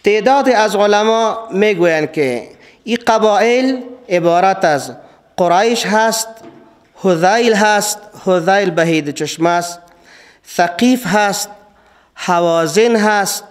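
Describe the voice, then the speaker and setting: A man with an Afghan Dari accent, teaching a religious lecture in a slow, deliberate way that repeats key words. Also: high voice. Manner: repeats key words, stresses phrases by rising. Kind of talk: classroom Quran lecture.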